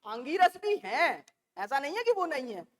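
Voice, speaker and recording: A woman teacher lecturing a class, repeating and dictating key terms slowly and addressing the students affectionately. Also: sits high, big pitch swings. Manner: calls students "beta" and "bachche".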